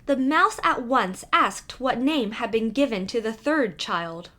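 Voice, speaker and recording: Slow, expressive woman reading a fairy tale. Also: on the high side. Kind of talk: scripted storybook narration.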